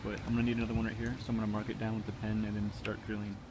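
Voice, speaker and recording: A DIY video presenter with a lowish voice talks fast and completely flat, giving casual, hands-on how-to tips in an offhand way in and around a car. The recording has obvious car noise and handling clicks.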